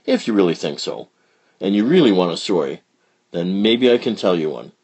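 A man voicing a young girl cousin in a storybook reading, speaking in a high, coy, sing-song way. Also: very animated, normal speed, darkish tone, husky, exaggerated voice.

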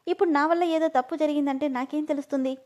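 An innocent, earnest young female employee, read by a woman storyteller. She speaks politely and sincerely in a fairly high voice. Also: steady tone, quick pace, a little mellow, close to an everyday voice.

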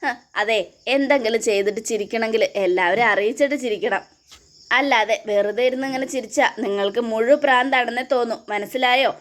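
A woman's voice: fairly high pitch, fairly quick, natural voice. A woman voicing a stubborn young son-in-law who defies and taunts his father-in-law. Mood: defiant. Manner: defiant, taunting.

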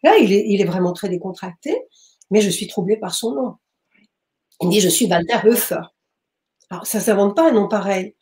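A woman's voice: mid-range voice, lively intonation, a little fast, mellow. A woman, an author and medium, tells a personal story in an interview, hesitating and searching for words. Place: bookshop.

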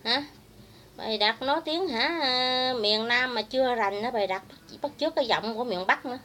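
A woman delivers a heated, insulting vlog rant. Her voice sits somewhat high, and there is a faint hiss under it. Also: normal speed, fairly bright tone.

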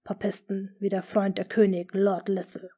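A woman voicing a scheming noble duke in an audiobook, speaking smoothly and often in a hushed, half-whispered tone. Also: mid-range voice, little pitch movement, natural voice. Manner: smooth, measured. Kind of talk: audiobook character reading.

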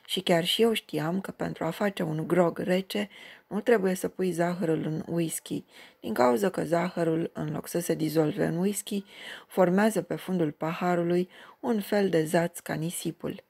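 Gravelly woman narrating a literary story. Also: fairly low pitch, darkish tone.

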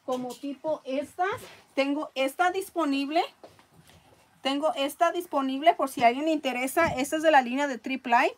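A woman hosting a casual live-stream raffle, chatting along and reading viewer comments out loud. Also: sits high, normal speed.

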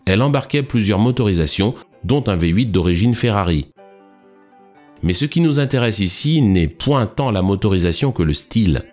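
A man narrates in a formal, literary register, every sentence read evenly as if from a prepared text. His voice sits a little low. Quiet music runs in the background throughout. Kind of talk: scripted narration. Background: faint background music.

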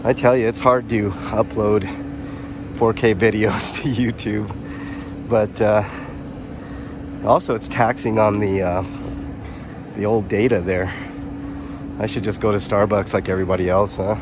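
A man talks casually to his viewers while walking a city sidewalk, rambling from thought to thought in a lowish voice. He records on a handheld camera mic, and traffic noise is clearly heard around him. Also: fairly even intonation, a little slow, pauses often. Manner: rambling, chatty, addresses viewers directly with fillers. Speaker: vlogger. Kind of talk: casual walking vlog narration. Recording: street traffic noise behind.

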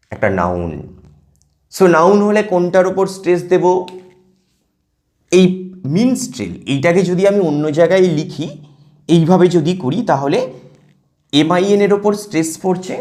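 A male teacher explaining an exam topic step by step, often checking that students follow and reading verse lines slowly, syllable by syllable. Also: a little high, a little mellow. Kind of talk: exam prep lesson.

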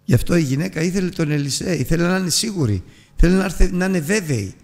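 A man's voice: on the high side, animated, darkish tone. A man teaching a Bible lesson, retelling a scripture story earnestly and addressing his listeners as brothers. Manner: earnest storytelling with emphatic rises and drops.

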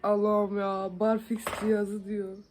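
Her voice is medium in pitch, level and unhurried, with a darkish tone. She's a young beauty vlogger from Van, Turkey, applying makeup at home and bantering with viewers, often cracking jokes at her own expense.

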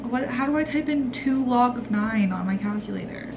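A young woman vlogging from home as a college student, talking casually and swinging between stressed mumbles and excited chatter. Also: fairly high pitch, moderate pace, dull audio, background noise. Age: young adult. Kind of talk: casual vlog talk.

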